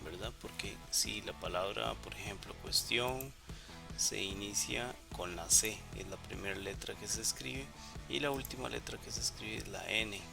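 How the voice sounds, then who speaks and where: A man teaching a recorded lesson, explaining exercises step by step with frequent "eh" pauses and checking tag questions. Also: on the low side, gravelly, over music.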